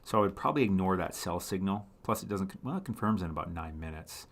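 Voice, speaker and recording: A man's voice: low-pitched, expressive, fast. A man hosting a casual live stream, thinking aloud as he analyses charts, answering viewers and often correcting himself mid-sentence. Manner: thinks aloud, rambling with frequent self-corrections; reads viewer comments and answers them. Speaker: livestream host.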